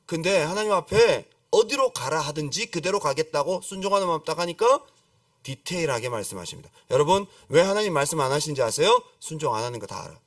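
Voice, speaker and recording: A middle-aged man preaching a lively sermon as a pastor, acting out pleading prayers and calling on the congregation to repeat after him. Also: fairly high pitch, fast talker, no echo, studio quality, recorded from a distance. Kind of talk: lively Friday-service sermon. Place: church sanctuary.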